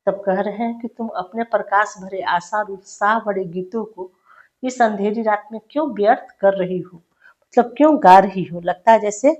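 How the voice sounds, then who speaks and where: A woman's voice: mid-range voice, normal speed, a little mellow, highs cut off. A woman teaching a Hindi poem, reciting each verse with emphasis and then explaining it in loose, conversational speech full of fillers.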